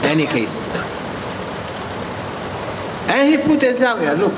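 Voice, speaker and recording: High-pitched, slow-speaking male preacher in echoey hall. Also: big pitch swings. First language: not English. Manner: halting, repetitive short phrases. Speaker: Sufi preacher addressing followers. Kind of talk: informal sermon with questions to listeners. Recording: echoey reverberant hall with clear background noise.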